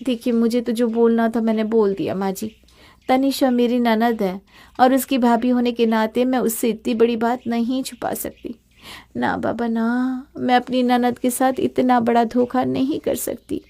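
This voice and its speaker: A woman's voice: on the high side, level tone, unhurried, vocal fry. A woman voicing a resentful young daughter-in-law. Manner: sharp, sarcastic, complaining. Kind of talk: animated storybook voice acting.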